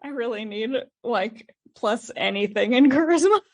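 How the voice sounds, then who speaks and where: A woman plays a tabletop role-playing game in casual, playful banter. Her voice is high and moves around a lot in pitch, giving her talk an animated swing. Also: moderate pace.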